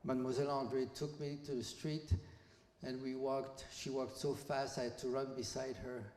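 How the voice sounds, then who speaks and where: Students in a school hall hear a personal testimony from a Belgian guest speaker of about 80. He narrates in a plain, measured way with small restarts, his mid-range voice slightly mellow and showing little pitch movement. The room's reverb is echoey.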